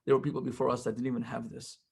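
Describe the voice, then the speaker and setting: Guy giving a talk at a college study circle, kinda husky voice, tells stories and drops in arabic phrases, middle pitch. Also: little pitch movement, rapid-fire, a little mellow. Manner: retells stories with quoted speech, rising to emphatic passages; mixes Arabic phrases and verses into English. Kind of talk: storytelling religious talk.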